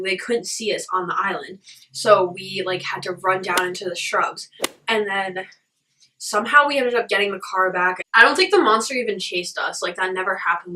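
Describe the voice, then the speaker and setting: A young woman casually telling a story in a puzzled, rambling way, as if piecing together a dream, with animated quoted asides. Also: medium pitch, far from the mic, rough recording. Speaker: vlogger recounting a dream.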